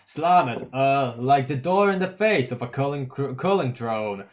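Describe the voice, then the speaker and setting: A man voicing a mellow, laid-back clown troll boy, reading his lines in a slow, drawling, stumbling way. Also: medium pitch, lively intonation, close to an everyday voice. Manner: drawling, stoned, fumbling over words.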